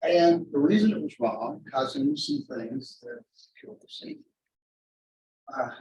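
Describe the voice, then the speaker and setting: A man giving an informal university math lecture in a rambling, halting way, often interrupting himself and drifting into asides. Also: fairly high pitch, expressive, dark tone. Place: indoor classroom. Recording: echoey lecture room, distant mic.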